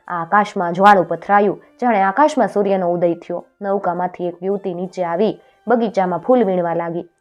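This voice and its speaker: Low-voiced woman telling a folk tale. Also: lo-fi sound. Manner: steady, clear storytelling with lifted voice for quoted speech. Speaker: storyteller. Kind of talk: scripted folk-tale narration.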